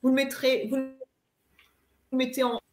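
A woman's voice: high-pitched, level tone, unhurried, a little mellow. A woman from eastern France giving emphatic spiritual advice on a live talk, lecturing with fillers and restarts. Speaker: spiritual coach guest. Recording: roomy echo.

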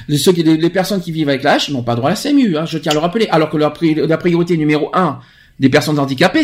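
A man hosting a podcast, talking emphatically in a casual chat and often restarting his words. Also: on the high side. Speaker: podcast host.

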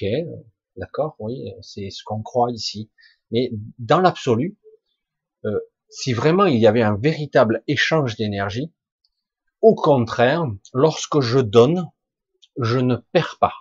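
A man with a husky, rough voice giving an informal spiritual talk to online listeners, halting yet emphatic, in colloquial, earthy wording. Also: medium pitch, no room sound, highs cut off. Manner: halting and emphatic, with colloquial swearing and sound-effect words. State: coughing now and then. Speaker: spiritual teacher answering listeners' questions live.

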